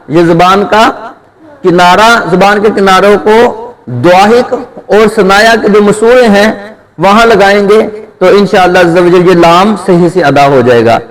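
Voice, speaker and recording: A man's voice: high voice, a bit bright. A man teaching Quran letter pronunciation, asking his students questions and answering them himself, drawing out each letter sound. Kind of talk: Urdu tajweed lesson, call-and-response drilling. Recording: long hall reverb.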